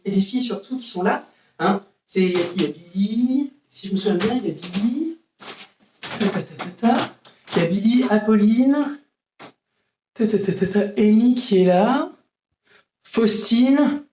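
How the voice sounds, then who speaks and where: Male karate teacher, patient drill-caller, slow and steady, off-mic in an echoey training room. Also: high voice, recorded from a distance, a little hiss or hum. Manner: calls out short counts and commands; patient step-by-step instruction. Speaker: karate instructor. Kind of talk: live online karate class. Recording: roomy, voice from away from the mic.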